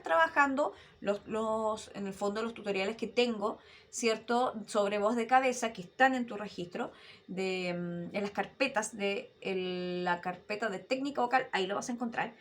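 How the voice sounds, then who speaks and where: Here a voice-acting coach, a woman with a fairly high voice, gives a dubbing lesson online at a normal speed. Her teaching is animated: she demonstrates voices and repeatedly asks her listener rhetorical questions.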